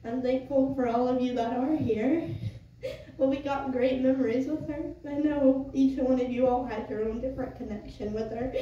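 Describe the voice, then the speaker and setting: A young woman gives a tender, informal eulogy with halting pauses. Her voice is high, and it comes from well away from the mic in a muffled recording with some noise. She tells it like a personal story to those gathered. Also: fairly even intonation. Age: young adult. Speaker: daughter giving a eulogy. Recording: echoey room, distant muffled mic, noisy.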